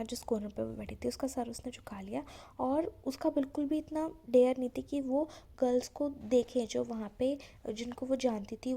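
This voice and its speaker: Husky, gravelly woman explaining a story. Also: on the high side. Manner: relaxed, retells each line and explains it, often says "you know". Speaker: English teacher. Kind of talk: line-by-line explanation of a story lesson.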